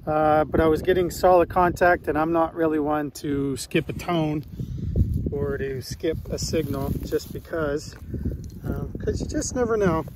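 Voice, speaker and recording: A man's voice: a little high, measured pace. A man giving upbeat running commentary to viewers while he digs outdoors in a rural field. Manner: chatty, upbeat, talks to viewers while working. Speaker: metal detecting vlogger. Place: outdoors in a rural field by an old cellar hole. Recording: loud wind noise outdoors.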